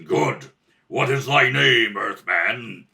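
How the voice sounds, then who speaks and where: A man's voice: mid-range voice, takes it slowly, gravelly, sharp tone, voice pushed down, exaggerated voice. A man voicing a proud, noble warrior prince in a radio space serial, with formal, archaic speech. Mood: stately, friendly. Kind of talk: old-time adventure radio serial acting.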